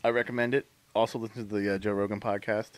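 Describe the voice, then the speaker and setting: A man's voice: fairly low pitch, flat delivery, quick pace, no room sound. A man co-hosting a podcast in casual chat, swearing often and trading jokes with his friends. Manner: profane, joking banter. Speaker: podcast co-host.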